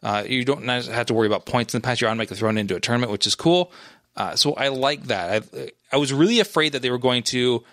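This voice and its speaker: A man co-hosts a laid-back gaming podcast and works through his points with frequent restarts and fillers. His voice sits at an ordinary pitch and is recorded close and dry, with no room sound. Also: fast talker, a bit bright, no room sound. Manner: rambling, many restarts and fillers. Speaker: podcast co-host. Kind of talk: casual esports chat.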